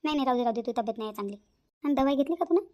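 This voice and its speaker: A woman voicing a calm, bossy elder sister-in-law, speaking in a soothing but firm way. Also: high voice, very fast, muffled recording.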